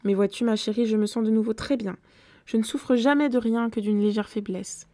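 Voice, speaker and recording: A woman's voice: fairly high pitch, fairly even intonation, a little fast, mellow, no echo, lightly acted. A woman reading as a languid vampire girl. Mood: weary. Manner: languid, murmuring.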